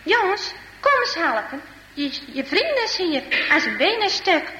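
A woman voicing a gentle, kind-hearted sick little girl in a storybook reading, in an echoey hall with faint noise. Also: sits high, very animated, moderate pace, exaggerated voice. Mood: eager. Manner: pleading, earnest.

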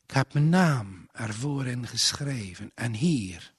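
A man's voice: medium pitch, animated, husky, dry recording, clean studio sound, exaggerated voice. Een man speelt een stervend oud heertje. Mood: tender, solemn. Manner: slow, weary, blessing in solemn biblical phrasing. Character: frail dying old gentleman, tender and pious.

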